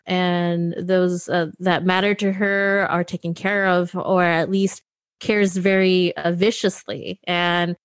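A woman makes her case in a relaxed podcast chat, pausing with fillers and poking fun at herself. Her pitch is middling for a woman. The sound is dry and close. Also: no room sound. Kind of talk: casual debate chat.

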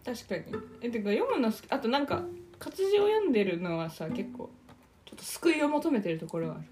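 A young woman co-hosts a casual chat, her fairly high voice swooping lively up and down as she laughs. She drops English words into her talk. Music sounds clearly behind her. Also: brisk. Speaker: podcast co-host.

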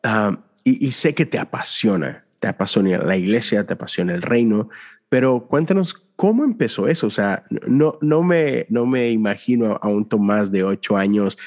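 A young man with a Mexican accent hosts a casual podcast interview. He talks in a friendly, rambling way, full of fillers and restarts. His voice sits fairly low. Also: a little mellow. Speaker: podcast host.

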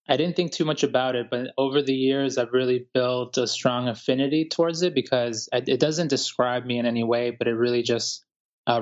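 A man from Ecuador, a writer, talking calmly and thoughtfully in an interview, with many pauses and fillers. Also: medium pitch, dull audio. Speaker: guest writer. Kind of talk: reflective interview talk.

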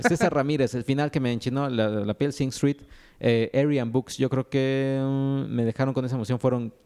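A man's voice: medium pitch, fairly even intonation, normal speed, mellow, smooth. A man co-hosting a podcast, reading listener comments aloud and laughing often. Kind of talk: casual podcast chat.

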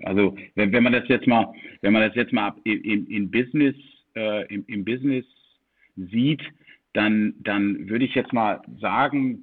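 A man's voice: lowish voice, slightly rough. A middle-aged man who grew up in the Netherlands with German parents, a podcast guest talking casually with many restarts and fillers. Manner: hesitant, lots of restarts and fillers. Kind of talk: casual interview chat. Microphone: Apple AirPods over an internet call. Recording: tinny phone-like call audio.

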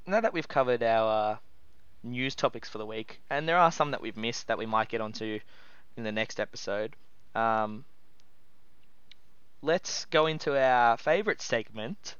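A man's voice: mid-range voice, normal speed, a bit bright, clear, resonant tone, no room sound, muffled recording. A man with an Australian accent co-hosting a casual podcast, given to mock-outraged, swearing rants. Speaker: podcast co-host. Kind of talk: casual chat.

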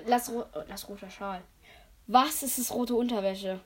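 A woman's voice: a little high, fairly even intonation, a little slow, fairly bright tone. A young woman chatting casually and laughing at herself during a quiz with a friend. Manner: giggly, self-mocking, slangy. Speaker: podcast co-host. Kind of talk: casual chat, New Year quiz.

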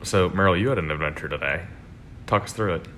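A man co-hosting a podcast at home, his voice dropped to a deep husky baritone from a sore throat, talking playfully. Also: fast, pushed and bright, slight background noise. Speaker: podcast co-host. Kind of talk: casual chat. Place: at home on a couch.

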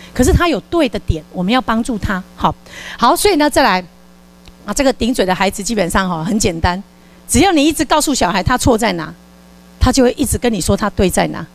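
A Taiwanese woman with a slightly high voice talks quickly while giving a live parenting lecture. Lively on stage, she role-plays a scolding parent with a volunteer, acting out the parent's lines.

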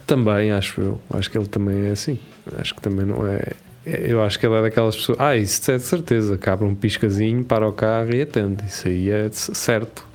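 A man with a European Portuguese accent talks in an easy, casual chat. He is animated and slangy, laughs often and slips into little acted voices. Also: lowish voice, fast talker.

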